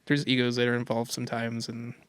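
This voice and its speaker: A man's voice: medium pitch, monotone, brisk, a bit bright, smooth, dry recording. A man hosting a podcast in casual chat, agreeable, backing his guest with frequent yeahs. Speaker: podcast host.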